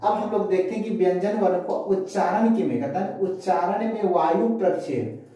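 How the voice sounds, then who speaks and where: A man teaching Sanskrit grammar online, asking questions and then answering them himself, slowly drilling syllables. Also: high voice, warm tone. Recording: very echoey, voice far from mic.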